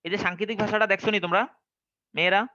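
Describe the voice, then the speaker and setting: The muffled recording captures a man speaking very fast in a high, sharp voice with a steady tone. With a Bangladeshi Bengali accent, he teaches English pronunciation in an online classroom lesson, questioning students often to confirm they understand.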